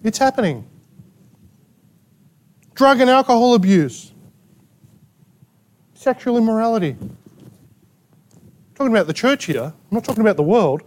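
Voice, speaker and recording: An Australian man preaching a sermon to his congregation, emphatic and full of rhetorical questions and sharp asides. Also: high-pitched, sing-song, normal speed, pauses often. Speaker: pastor. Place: church gathering in a rented hall.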